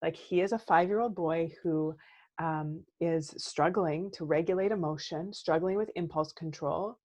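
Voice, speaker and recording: A woman's voice: low-pitched, unhurried, darkish tone, muffled recording. A woman therapist and coach in her thirties, talking earnestly and reflectively as a podcast guest, often checking in with "right?". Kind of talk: casual podcast conversation.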